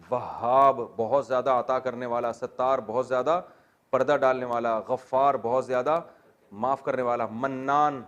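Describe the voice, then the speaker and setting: In a muffled recording, a man with an ordinary mid-pitched voice teaches a classroom lesson on Quran exegesis, guiding students through Arabic word forms. He keeps questioning the class and adds light joking asides along the way.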